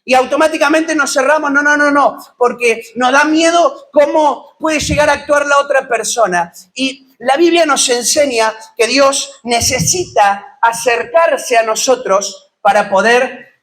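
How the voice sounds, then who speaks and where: A male pastor with a Rioplatense Spanish accent, preaching a lively sermon and asking the congregation rhetorical questions. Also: very high voice, unhurried, hardly any pauses. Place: church.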